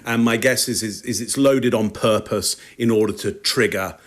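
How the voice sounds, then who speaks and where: A man on a panel analysing body language in an interview clip, measured and thinking aloud with small fillers. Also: lowish voice.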